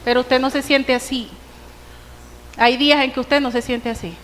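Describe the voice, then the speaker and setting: High-voiced Colombian woman preaching, echoing hall. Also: steady tone, a bit bright, slight background noise. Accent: Colombian Spanish. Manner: earnest, rhetorical questions, slows for emphasis. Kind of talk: sermon. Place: church hall. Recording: long reverb of a church hall.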